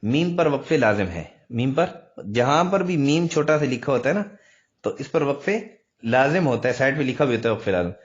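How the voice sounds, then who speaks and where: A man's voice: medium pitch, animated. A man teaching a step-by-step recitation lesson, patiently explaining and repeating words, drawing them out to demonstrate. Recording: dull lo-fi recording.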